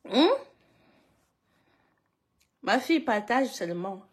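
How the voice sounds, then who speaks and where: A woman's voice: mid-range voice, lively intonation, slow, husky. A woman hosting a casual live stream, greeting viewers one by one, repeating herself and laughing often between lines.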